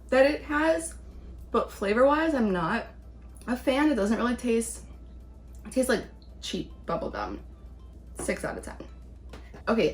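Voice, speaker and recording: A woman chatting casually as she reviews things in a taste-test vlog. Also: medium pitch. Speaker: vlog host, candy reviewer.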